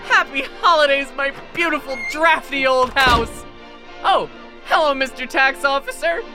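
A woman's voice: high-pitched, measured pace, sharp tone, faint music behind. An actress playing a frantic mother who cries out, begs and then bursts with joy. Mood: giddy joy. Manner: pleading, tearful cries. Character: desperate then overjoyed woman, a mother of young kids. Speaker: lead character Jane.

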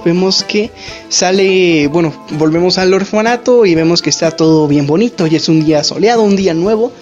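A woman's voice: on the low side, a little mellow, lo-fi sound. Slangy Mexican woman recapping an anime. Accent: Mexican Spanish. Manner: slangy, sarcastic, filler-heavy retelling. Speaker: podcast host.

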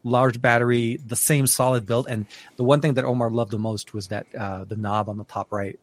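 A man's voice: mid-range voice, fairly even intonation, fairly quick. A man co-hosting a casual tech podcast, rambling with many restarts, fillers and frequent laughs. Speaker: podcast co-host.

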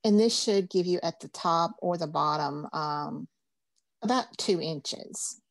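A woman's voice: on the low side, a little slow, no room sound. A woman, teaching a craft class in a chatty, upbeat, folksy way. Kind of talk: casual craft class instruction.

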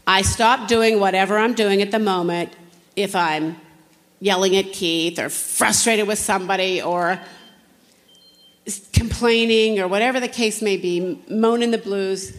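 A woman's voice: mid-range voice, fairly even intonation, a little slow. A woman giving an earnest sermon-style talk at a women's conference, asking the audience direct questions. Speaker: conference speaker. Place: conference hall. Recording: long hall reverb.

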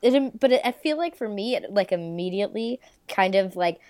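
A woman's voice: medium pitch, expressive, a little fast, a little mellow. Laid-back young woman podcast co-host. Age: young adult. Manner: laid-back, lots of ums and laughs, dry. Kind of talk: casual chat.

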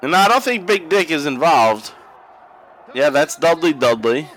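A man's voice: on the high side, expressive, unhurried, a bit bright, low-quality recording. A young man co-hosting a podcast, watching old wrestling and chatting casually, profane and laughing a lot. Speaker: podcast co-host. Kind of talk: casual watch-along commentary.

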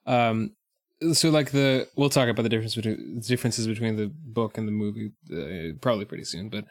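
A man's voice: lowish voice, fairly quick. A man co-hosting a podcast in casual chat, laid-back and hesitant, often laughing. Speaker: podcast co-host.

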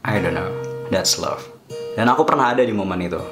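Male vlogger, chatty and reassuring, recorded in a roomy space with soft guitar behind him. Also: on the low side, expressive, fairly quick. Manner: chatty and reassuring, switching between Indonesian and English. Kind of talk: casual talk to camera. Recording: echoey room with soft guitar music.

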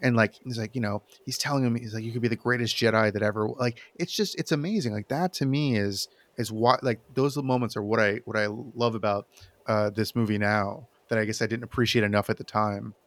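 A man's voice: lowish voice, brisk, dry recording. Dry-recorded man rambling keenly about film. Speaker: podcast panelist. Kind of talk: casual film chat.

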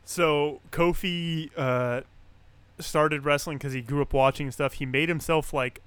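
A man's voice: on the high side, unhurried, clean tone, dry recording. A man co-hosting a podcast, casually retelling a story with lots of fillers and frequent laughs. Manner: relaxed, filler-heavy retelling, laughs often. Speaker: podcast co-host. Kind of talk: casual chat.

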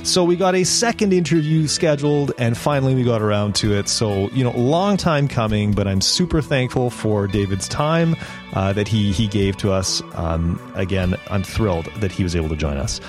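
A man with a French accent hosts a podcast interview in a somewhat low voice. He sounds eager and talks in loose, rambling sentences full of restarts. Faint music sits under his speech. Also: lively intonation, fairly quick. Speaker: podcast host.

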